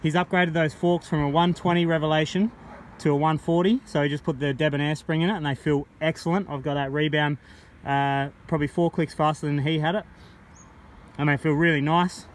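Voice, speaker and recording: Recorded on a helmet or bike-mounted action camera with faint wind noise, this casual ride-along bike review features a man with a slightly high voice speaking fairly quickly. He chats easily about a mountain bike, then rides it on an outdoor trail and gets excited.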